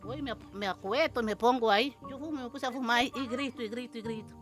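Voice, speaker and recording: An older woman, animatedly telling an interviewer her story as a mother and acting out the shouts and quotes in it. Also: a little high, quick pace, over music.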